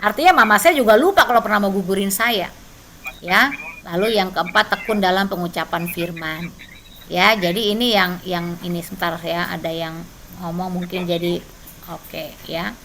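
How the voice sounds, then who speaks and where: Woman, church teacher, bright voice, chatty tag questions, online meeting, faint hiss. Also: lowish voice, moderate pace. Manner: conversational, frequent tag questions. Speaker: church training speaker. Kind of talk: teaching with personal testimony.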